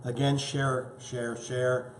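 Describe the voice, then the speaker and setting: A man's voice: medium pitch, little pitch movement, slow pace, reverberant, a little hiss or hum. Chatty man hosting a cooking show. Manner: enthusiastic, chatty, tasting food as he talks.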